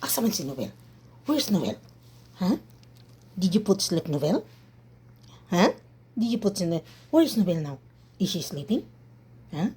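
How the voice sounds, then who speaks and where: A woman from the Philippines films a home vlog, playfully coaxing her dog to howl and letting out long howls herself as she talks to the pet. Her lowish voice is warm with a breathy edge, big pitch swings, a measured pace, and long pauses.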